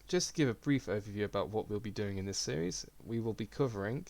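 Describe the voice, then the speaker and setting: A young man giving a relaxed, rambling software tutorial at his computer. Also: lowish voice, fast talker, gravelly. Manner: relaxed, rambling, self-deprecating. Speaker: game development tutor. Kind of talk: casual screen-recorded tutorial.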